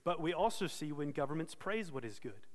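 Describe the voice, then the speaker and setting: A man preaching an expository sermon, earnest and steady, pausing to correct himself now and then. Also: on the high side, long reverb tail. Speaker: pastor.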